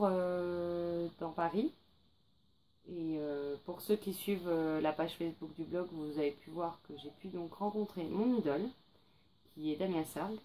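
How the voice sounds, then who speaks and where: A woman's voice: fairly low pitch, mellow, a little hiss or hum, rough recording. A young woman chatting casually about books she bought, hesitating often with fillers. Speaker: book vlogger. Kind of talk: casual book haul vlog.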